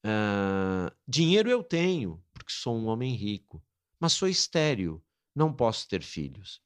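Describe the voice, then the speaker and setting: A man quoting a rich, childless traveling salesman who calmly bargains in a story he retells. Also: lowish voice, a little slow, clean tone, pitched below the performer's own voice. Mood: bargaining.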